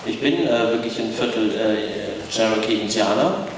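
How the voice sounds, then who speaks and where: A man interprets a live demonstration for the crowd, moving quickly but stumbling over fillers as he searches for words. His voice rings through a cavernous hall from far away. Clear background noise runs beneath it. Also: fairly low pitch, lively intonation. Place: large indoor arena. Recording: echoey arena, distant mic, noise.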